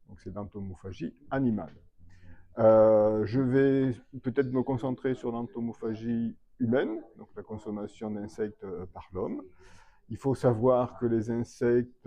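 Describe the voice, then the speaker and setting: Hesitant professor with a dark voice. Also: male voice, fairly low pitch. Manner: explanatory, hesitant with frequent fillers. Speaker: veterinary public health professor. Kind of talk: expert interview answer. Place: trade fair hall.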